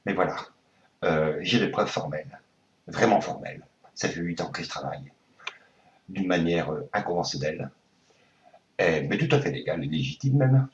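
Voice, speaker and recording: Very deep-voiced man on a prank call. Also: animated, lo-fi sound, slight background noise. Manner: hesitant, full of pauses, earnestly conspiratorial. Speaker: prank caller.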